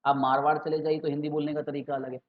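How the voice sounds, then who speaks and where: Teacher with a lilt. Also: male voice, on the high side, little pitch movement. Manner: mixes English and Hindi, slows for key terms; rhetorical questions to students. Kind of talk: exam-prep lecture. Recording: dull lo-fi sound.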